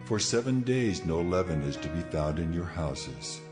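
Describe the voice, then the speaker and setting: With music playing behind him, a man whose expressive voice sits low and moves at a moderate pace portrays God in a dramatized reading of scripture. His delivery is solemn and authoritative as the deity issues commands and laws.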